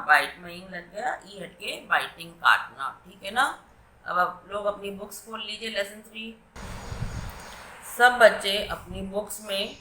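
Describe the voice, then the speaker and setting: Woman teacher, slow and deliberate, spelling words for young pupils, bright tone, roomy echo. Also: medium pitch, a little hiss or hum. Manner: spells words letter by letter and translates each phrase; addresses children directly, slow deliberate reading of English. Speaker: English teacher. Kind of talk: bilingual classroom lesson explaining vocabulary and reading. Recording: echoey room.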